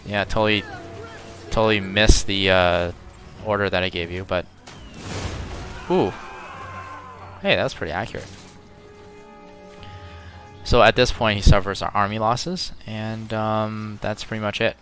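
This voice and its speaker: Bright-voiced man recapping a strategy battle. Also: lowish voice, steady tone, measured pace, pauses often, faint music behind. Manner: hesitant, thinks aloud with fillers and restarts. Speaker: strategy game player. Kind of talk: casual let's-play commentary.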